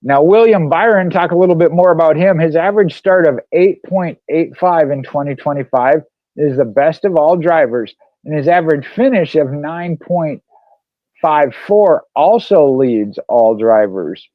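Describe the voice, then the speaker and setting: A man co-hosting a racing podcast, chatting casually and slowing down to read figures. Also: fairly high pitch, lively intonation, no echo. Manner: conversational, reads figures slowly. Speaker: podcast co-host. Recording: dry dull lo-fi mic.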